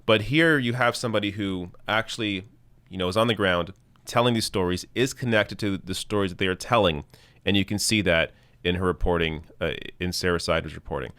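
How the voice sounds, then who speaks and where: A man with a fairly low voice hosts a political commentary show. He speaks off the cuff to his viewers, earnest and opinionated, pressing his points with emphasis. The sound is fairly dry and close. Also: brisk, fairly bright tone, no echo. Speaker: host of a news commentary show.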